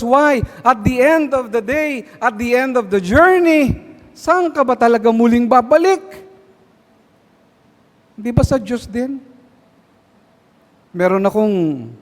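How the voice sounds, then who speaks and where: Filipino male preacher, fairly high voice, slow and deliberate, hall reverb. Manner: switches between Tagalog and English, asks the crowd questions. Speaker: guest preacher. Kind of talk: sermon at a prayer meeting.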